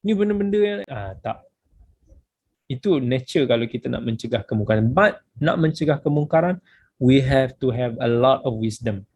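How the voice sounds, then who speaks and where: A man's voice: mid-range voice, moderate pace, darkish tone, slightly rough. A man with a Malaysian accent, a religious teacher explaining a book in a patient lecture, slipping English phrases into his talk.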